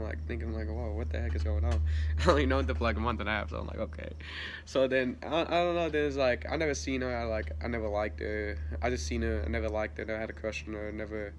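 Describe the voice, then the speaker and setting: With background noise behind him, a teenage guy who's a bit sick rambles through a casual vlog story in a mid-range voice, laughing softly and filling it with restarts and filler words.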